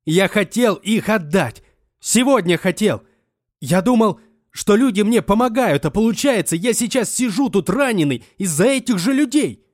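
A man voicing a desperate wounded young man, shouting through tears. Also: high-pitched, expressive, normal speed, no room sound, clean studio sound, voice pushed up. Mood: sobbing, shouting.

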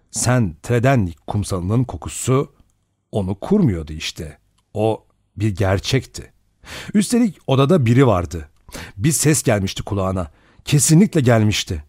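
A man narrating an audiobook dramatically, slowing and speeding for suspense. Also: lowish voice, no echo, studio quality. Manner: expressive, varies pace for suspense.

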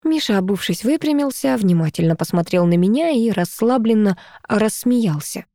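A woman narrating a first-person audiobook with a lively, expressive reading. Her voice sits at an ordinary pitch. The recording is close and dry, with no room sound. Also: moderate pace, dry recording.

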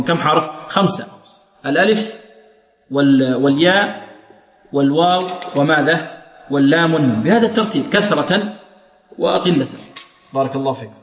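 Guy teaching recitation, keeps asking questions then answering, repeats sounds over and over, lots of room echo. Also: on the high side. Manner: poses questions to students and answers them, models and repeats pronunciations. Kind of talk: recitation lesson. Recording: echoey hall with long reverb.

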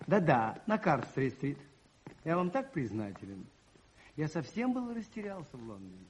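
A man acting a meek, courteous provincial priest in an old radio play, speaking haltingly with polite stammers. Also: a little high, very animated. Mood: grateful, quiet. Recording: muffled, noisy old radio recording.

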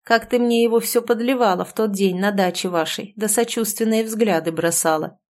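A woman voicing an old village healer from a storybook, a kindly grandfather with a gruff, grumbling delivery. He sounds warm-hearted under the grumbling. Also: mid-range voice, moderate pace, close to an everyday voice.

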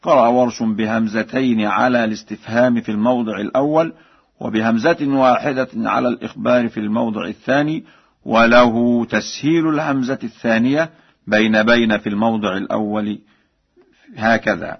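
A man of middle pitch teaches recitation. He moves between measured spoken explanation and slow, melodic chanted examples. The sound is dull and lo-fi, like an old radio broadcast. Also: steady tone, gravelly, breathy edge.

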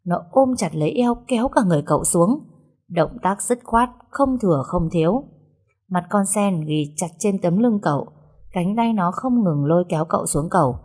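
Casting: woman narrator, animated storybook reading. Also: on the low side, normal speed. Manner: lively, expressive reading. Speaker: audiobook narrator.

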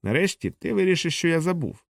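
A man's voice: on the high side, very animated, fast, vocal fry, no echo, studio quality, voice pushed up. A man voicing a cruel, bullying older boy who taunts and threatens his younger brother. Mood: gloating.

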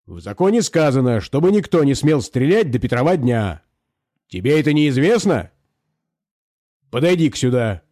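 A pompous provincial landowner scolds and moralizes at length, indignant and self-righteous, as a man puts him on. The voice swings up and down with a mellow tone and a dry sound. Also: mid-range voice, big pitch swings, moderate pace, pauses often, dry recording. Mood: scolding.

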